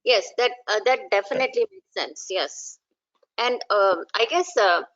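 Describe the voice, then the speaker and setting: A woman's voice: mid-range voice, expressive, unhurried, a bit bright. A woman speaking tentatively as a student, giving her view in a casual online class discussion. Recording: dull, lo-fi online call audio.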